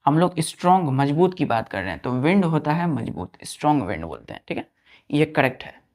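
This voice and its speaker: A man's voice: fairly high pitch, very animated, brisk, a little mellow. Patient male grammar teacher. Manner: asks students repeated check questions; mixes English words into Hindi explanation. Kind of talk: online grammar lesson.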